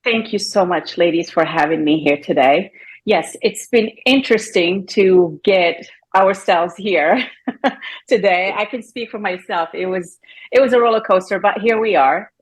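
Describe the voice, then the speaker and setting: A middle-aged Moroccan woman, appearing as a guest coach, chats loosely in a casual interview, using filler words and restarts. She has a Moroccan accent and a medium-pitched voice with a breathy edge, speaking at a measured pace.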